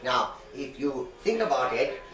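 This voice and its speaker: A man telling rambling stories in relaxed conversation, often restarting his sentences. He sounds distant from the mic in an echoey room. Music runs underneath. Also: mid-range voice, a little slow. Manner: rambling storyteller, many restarts. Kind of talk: casual chat.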